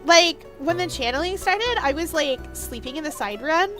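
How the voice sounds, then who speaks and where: A woman's voice: high voice, animated, moderate pace, pushed and bright, faint music behind. A woman voicing a ditzy young university student in a video game, with a bubbly sorority-girl Valley Girl drawl full of filler words. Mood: gushing.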